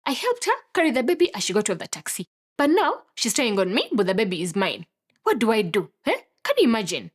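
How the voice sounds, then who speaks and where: A woman voicing an angry young man who loudly denies a baby. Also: on the high side, huge pitch swings, fast. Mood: exasperated. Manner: loud and exasperated.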